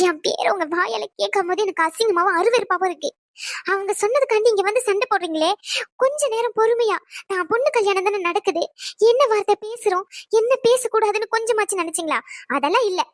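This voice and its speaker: Cartoon lead: a woman doing a very high-voiced, quick-tongued young bride, fierce and teary; dry studio sound. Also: no echo. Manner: sharp, indignant rapid scolding. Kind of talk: cartoon voice acting.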